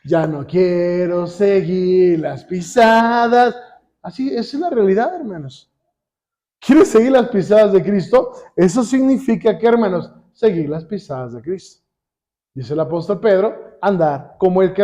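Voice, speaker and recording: A man with a Mexican accent preaching a sermon, constantly asking the congregation questions and pausing for them to finish his sentences. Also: high-pitched, expressive, mellow. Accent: Mexican Spanish. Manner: calls on the congregation with repeated questions.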